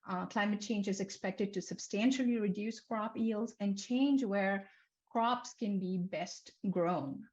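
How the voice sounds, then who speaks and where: In this lecture, a young Nepali woman researching climate walks her audience through her findings one point after another, her voice steady and mid-pitched. She often uses "um" and "uh" along the way, and the audio comes across a bit dull and lo-fi.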